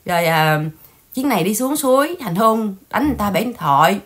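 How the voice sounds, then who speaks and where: Her medium-pitched voice swings widely in pitch as she talks fairly quickly. She's a channel host in a casual livestream chat, gossiping and scolding as she mocks others.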